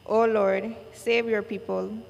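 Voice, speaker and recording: Woman worship leader reciting liturgy slowly; slight gravel, long cathedral echo, faint hiss. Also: mid-range voice, flat delivery, darkish tone, muffled recording. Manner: slow, measured recitation. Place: large church. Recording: long church reverb, faint noise.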